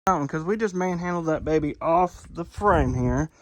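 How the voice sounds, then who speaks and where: A man's voice: fairly high pitch, normal speed, no room sound. A man in casual talk to camera while working on a truck frame, rambling with many fillers and self-corrections. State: out of breath. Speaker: vlogger restoring a truck.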